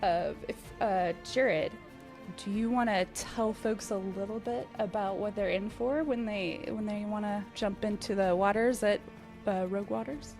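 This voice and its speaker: A woman's voice: medium pitch, a little mellow, faint music behind. A woman hosting a live game stream. She is easygoing and laughs often while she plays and explains. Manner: giggly, easygoing, unhurried. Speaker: stream host.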